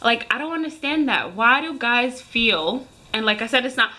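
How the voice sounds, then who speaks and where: This thirtysomething woman chats to her viewers in a casual, emphatic rant, much like a vlogger. At normal speed, her fairly high voice has lively intonation and a bright, forceful tone.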